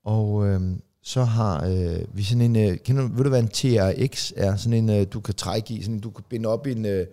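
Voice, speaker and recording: Mellow-voiced man telling rambling stories. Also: fairly low pitch. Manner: rambling anecdotes with many fillers and restarts; acts out family members in quick, raised voices. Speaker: podcast co-host, comedian. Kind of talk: casual chat, storytelling.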